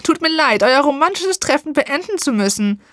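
A woman playing a shrill, furious old witch. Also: lively intonation, normal speed, dry recording, clean studio sound. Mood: gloating. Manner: shrill, shouting in rage.

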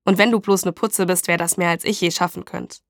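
A blunt homeless man who collects bottles, put on by a woman reading a story. He talks in rough street slang and teases, in a flat, gravelly voice. The sound is dry and close. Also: fairly low pitch, brisk, dry recording, close to an everyday voice.

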